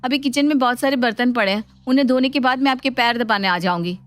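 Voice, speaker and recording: A woman's voice: on the high side, quick pace, lightly acted. A woman voicing a young daughter-in-law who answers back firmly and argues, in a cartoon story. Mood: argumentative. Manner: firm, argumentative.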